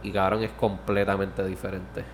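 A man's voice: low voice, little pitch movement, moderate pace, a little hiss or hum. Rambling man chatting. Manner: rambling, swears often, restarts mid-sentence. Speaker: podcast co-host. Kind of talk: casual chat.

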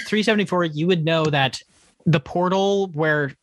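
A game master running a tabletop game in a relaxed, halting way, with plenty of fillers. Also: mid-range voice. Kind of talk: casual tabletop game chat.

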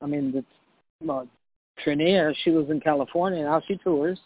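Casting: middle-aged male DJ from Puerto Rico, chatty and relaxed, slightly high voice, narrow phone-like sound. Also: moderate pace. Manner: relaxed, chatty, many "you know" fillers. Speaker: DJ and former record label marketing director. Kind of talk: conversational interview answers.

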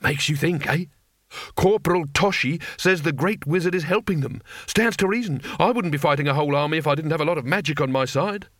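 Uneasy common male soldiers, as a male narrator puts them on, trading gossip in a slow, rough drawl. They speak higher than the narration. The sound is dry and close. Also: fairly bright tone, dry recording, natural voice.

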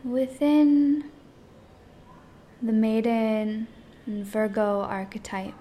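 A woman leading a guided meditation in a soft, hushed, partly whispered voice, speaking in short phrases with long pauses. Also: medium pitch, flat delivery, a little hiss or hum.

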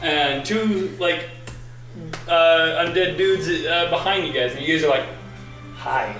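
A woman's voice: sits low, unhurried, a bit bright. A woman running a tabletop role-playing game as game master, narrating informally and acting out little exclamations. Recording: echoey room, distant mic, music.

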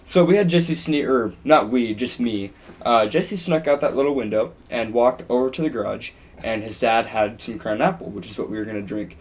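A man's voice: mid-range voice, moderate pace, darkish tone. Young male co-host, casual rambling storyteller, mid-range voice. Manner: rambling, with frequent ums and restarts. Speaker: podcast co-host.

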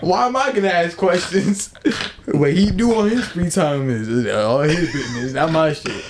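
A man's voice: on the high side, moderate pace, background noise. A young man joking casually in slangy, profane frat-bro talk. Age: young adult. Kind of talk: casual group banter. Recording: clear crowd chatter behind the voice. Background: crowd chatter.

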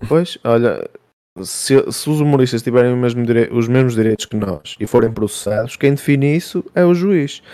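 A man's voice: medium pitch, moderate pace, mellow, dry recording. A man with a European Portuguese accent arguing his points in casual, colloquial conversation.

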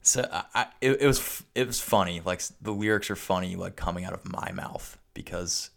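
A man's voice: low-pitched, a little fast, creaky, fairly bright tone. A young man in casual, joking conversation, slangy and crude, peppering his talk with like and dude. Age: young adult. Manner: slangy, crude humour, says dude and like constantly.

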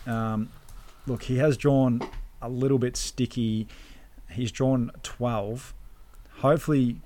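Male Australian podcast host, medium pitch, informal racing banter and tipping. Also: a little hiss or hum. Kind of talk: casual racing chat.

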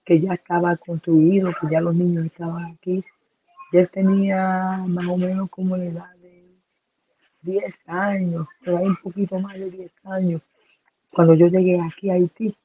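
A woman from Rico, an orphanage director giving an earnest, halting personal testimony. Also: lowish voice, little pitch movement. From Puerto Rico. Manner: earnest, halting, with fillers and restarts. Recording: tinny phone-like line with faint noise.

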